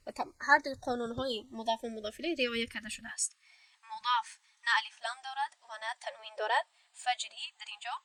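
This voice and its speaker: A woman's voice: on the high side, fairly bright tone, no echo. Patient woman teacher. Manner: patient, step-by-step explaining, recites verses slowly. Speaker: Arabic grammar teacher. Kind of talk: classroom lesson.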